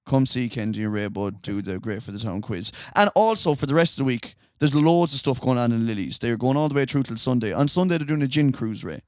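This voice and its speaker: A man's voice: medium pitch, brisk, hardly any pauses, a little mellow, dry recording, clean studio sound. A man with a west of Ireland accent co-hosting a podcast in casual, slangy, teasing banter. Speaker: podcast co-host.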